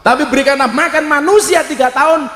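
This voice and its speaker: A man with a Javanese accent preaching a humorous live sermon, joking and breaking into loud, emphatic shouts. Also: extremely high pitch, fairly quick. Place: large hall at a live religious gathering. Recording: echoey hall with long reverb.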